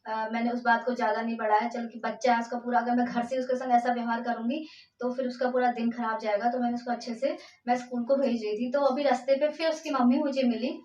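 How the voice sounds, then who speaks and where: A woman's voice: fairly high pitch, level tone, quick pace, darkish tone. A woman vlogger and mother telling a personal story at home, emotional and rambling, with many fillers and restarts. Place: room at home. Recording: echoey, distant, dull lo-fi sound.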